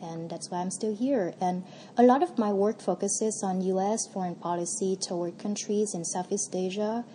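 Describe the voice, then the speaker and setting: A woman's voice: medium pitch, moderate pace, mellow, a little hiss or hum, poor audio. A woman from Vietnam, a policy researcher, answering interview questions thoughtfully with frequent ums and restarts.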